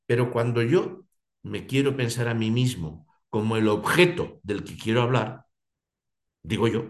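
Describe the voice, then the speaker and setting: Man explaining philosophy, echoey room. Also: mid-range voice. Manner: thinks aloud, many restarts and rhetorical questions. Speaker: seminar leader.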